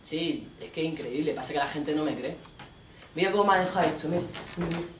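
A woman voicing a brash young man who whines that his girlfriend hits him, speaking in a lowered voice for a stage monologue. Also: fast, recorded from a distance, background noise, natural voice. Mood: self-pitying. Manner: brash, whiny, slangy. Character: macho young male boyfriend playing victim. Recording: roomy live stage recording from afar.

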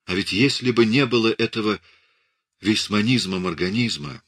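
A man voicing a clever young woman in love, speaking softly, earnestly and pleadingly. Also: lowish voice, normal speed, no echo, clean studio sound.

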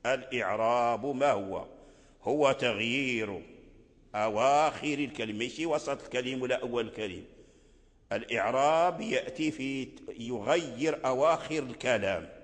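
A man with a Moroccan accent teaching Quran recitation rules step by step, chanting short verse examples slowly to illustrate each point. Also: mid-range voice, long reverb tail. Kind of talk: tajweed lesson.

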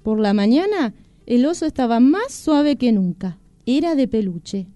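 A woman storyteller reading a children's tale aloud with expressive delivery, on a studio microphone. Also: a little high, measured pace, no echo. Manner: expressive, animated. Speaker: storyteller guest.

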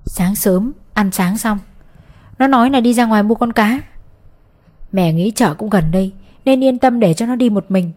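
A woman's voice: normal speed, a little mellow, close to an everyday voice. A woman reading an audiobook, voicing a distraught middle-aged mother who pleads for her son through tears. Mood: rambling. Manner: sobbing, pleading, raised pitch. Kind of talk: audiobook character voice.

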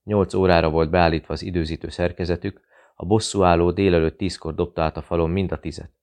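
A man reading a thriller audiobook in a measured, even narration. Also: sits low. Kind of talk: scripted narration.

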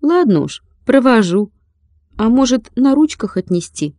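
A woman's voice: fairly high pitch, big pitch swings, a little slow, dark tone, no room sound, studio quality, voice pushed up. A woman voicing a sensible young girl who teases a little and talks down to her friend. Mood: teasing. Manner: teasing, a little condescending.

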